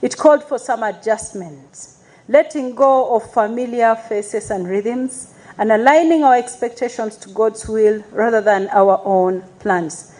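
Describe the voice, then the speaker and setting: A woman, an Anglican chaplain giving a formal, measured address to a congregation, with call-and-response praise. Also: on the high side, dark tone, poor audio. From Uganda.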